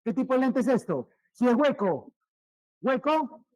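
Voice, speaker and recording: A male teacher, giving a vocabulary lesson, repeating each word more and more quietly and quizzing his students. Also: very high voice, very animated, unhurried, dry recording, poor audio. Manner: repeats words, trailing off quieter, asks questions.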